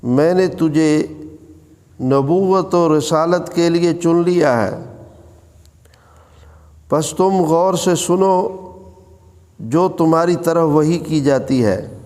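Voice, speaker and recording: A man giving a religious lesson, explaining scripture in an unhurried, measured way and chanting verses between his paraphrases. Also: on the high side, a little mellow, big-room sound. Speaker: Quran teacher.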